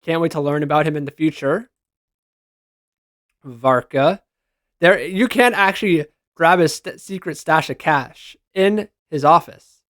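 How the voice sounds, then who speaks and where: A male video game reviewer and reaction host offers casual, enthusiastic commentary over screenshots, gushing like an informal fan. His fairly high, slightly bright voice keeps a measured pace, and the recording sounds very dry.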